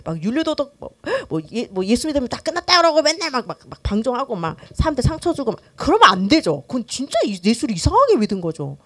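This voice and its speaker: Middle-aged woman pastor, high-pitched, very expressive delivery, chatty church-class teaching that slips into acted-out voices. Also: quick pace, few pauses. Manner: animated, acts out quoted voices, many fillers.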